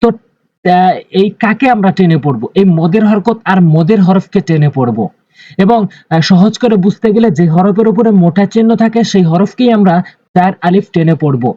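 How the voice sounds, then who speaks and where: A man teaching Quran recitation, slowly spelling out letters and drawing out the vowels, often repeating his instructions. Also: sits high, animated, warm tone, no echo, dull audio. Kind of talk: Quran reading lesson.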